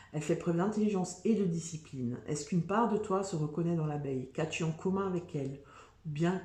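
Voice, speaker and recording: A woman's voice: deep voice, mellow, roomy sound. A woman giving a casual, chatty tarot reading, full of fillers, restarts and "tu vois". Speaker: tarot reader.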